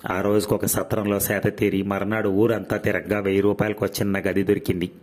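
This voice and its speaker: A man narrating a story aloud in a steady, even reading voice. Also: fairly low pitch, a little fast. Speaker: story reader.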